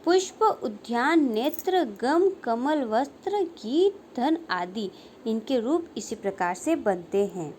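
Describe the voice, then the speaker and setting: A woman teacher with a high voice recites grammar forms at an unhurried, deliberate pace. She chants each list of word forms, and her voice falls at every case ending. A faint hiss runs under the recording. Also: animated, a little mellow. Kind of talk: slow recitation of grammar lesson.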